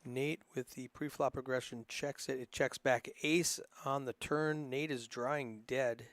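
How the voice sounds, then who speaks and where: A man with a northern Minnesota accent calls live poker hands in a relaxed, rambling way, filling gaps with ums and uhs. His voice sits at an ordinary middle pitch. The sound is dry and close, with no room echo. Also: measured pace. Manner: casual, chatty, rambling with frequent fillers. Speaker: poker commentator. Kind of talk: live poker play-by-play commentary.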